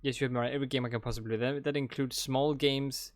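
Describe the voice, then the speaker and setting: A young adult with a Danish accent, this male gaming host talks fast in a steady mid-range voice while casually ending a playthrough. He meanders and hesitates, restarting often and leaning on fillers. The desk microphone gives a dry, clean studio sound.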